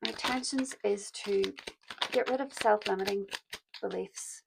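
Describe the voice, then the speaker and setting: A woman with a heavily croaky, gravelly voice talks through a pick-a-card tarot reading. Her pitch sits in the middle range, and she speaks in a soft, reflective way, calling her listeners her loves. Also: a little slow, noisy background. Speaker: tarot reader.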